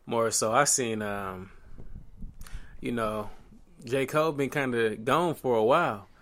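A young man co-hosting a podcast, speaking slowly and thoughtfully with lots of fillers. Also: medium pitch, fairly bright tone. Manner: slow, thoughtful, many fillers. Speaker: podcast co-host. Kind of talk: casual chat.

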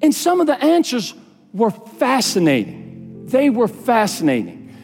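A man preaching a sermon as pastor, animated, repeating phrases and asking the congregation to respond. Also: very high voice, measured pace, vocal fry. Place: church sanctuary. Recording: long hall reverb with faint music.

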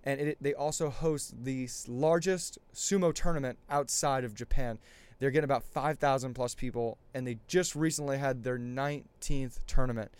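A man hosts a podcast in a smooth, resonant voice. He talks with energy and rambles a little. His chat with the guest stays casual. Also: medium pitch, normal speed, few pauses, darkish tone, no echo. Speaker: podcast host.

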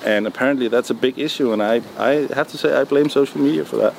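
A man answering interview questions in a relaxed, hesitant way, with many ums and restarts. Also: mid-range voice, fast talker, creaky. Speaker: music producer guest. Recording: noisy background.

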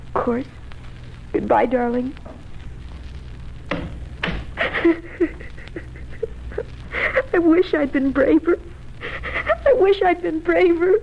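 A woman's voice: high-pitched, a little fast. A woman playing an anguished, clinging young wife in 1940s radio drama, pleading and emotional. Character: anguished, clinging young wife seeing off her soldier husband. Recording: creaky, dull 1940s radio recording.

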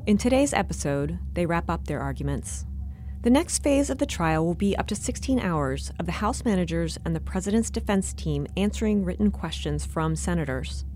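Female news podcast narrator, low register, scripted read. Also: animated, normal speed, a little mellow, a little hiss or hum. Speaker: podcast narrator, senior editor.

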